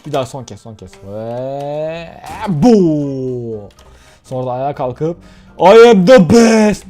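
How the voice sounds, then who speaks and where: A young man giving casual let's-play commentary while gaming, excitable and prone to sudden yelps. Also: medium pitch. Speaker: gaming YouTuber.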